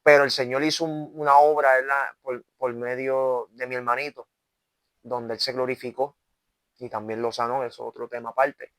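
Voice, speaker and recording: With little pitch movement and a moderate pace, a medium-pitched, slightly bright male voice comes through with no echo. He is a Puerto Rican man in his twenties, an evangelist interviewed as a guest, giving an earnest testimony in Puerto Rican Spanish, constantly adding "¿verdad?" and restarting.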